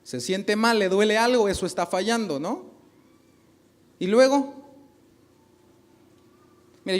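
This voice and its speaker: A male pastor preaching a sermon, asking the congregation questions and acting out little dialogues. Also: high voice.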